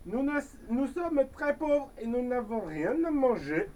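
Woman doing a timid young girl, soft, pleading, high, slow, slightly distant. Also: sing-song. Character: frightened poor young girl, gentle and polite.

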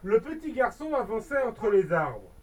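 A woman storyteller reading a children's tale with playful asides and dramatic pauses, recorded on a distant mic. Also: a little high, very animated, a little mellow.

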